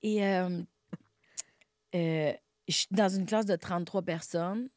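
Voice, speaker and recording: A woman's voice: fairly low pitch, fairly even intonation, takes it slowly, darkish tone, dry recording, studio quality. A middle-aged woman from Quebec with a Québécois accent, chatting in an interview as a guest comedian, laughing often and self-deprecating, with lots of fillers. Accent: Québécois French. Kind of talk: casual interview conversation.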